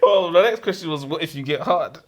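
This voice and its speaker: Seated in comfy chairs in a warm room, a man co-hosts a casual book review show, firing off questions with irreverent, crude joking banter. His voice is fairly high, animated and fairly quick, with a little hiss or hum in the background.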